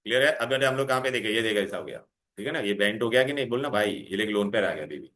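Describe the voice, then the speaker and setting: Coaxing chemistry teacher, echoey room. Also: male voice, fairly low pitch, animated, very fast, fairly bright tone. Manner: coaxing, calls students "beta", quizzes them constantly. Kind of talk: revision lecture to students.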